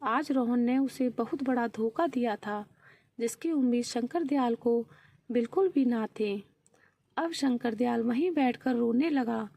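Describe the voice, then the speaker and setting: A woman narrating a sad story in a steady, solemn storytelling manner. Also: on the high side, unhurried, vocal fry, no echo.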